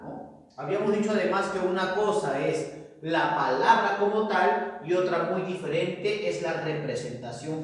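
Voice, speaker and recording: A man teaching a classroom lecture to students, who keeps checking in with tag questions. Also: high voice. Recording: echoey room, far from mic.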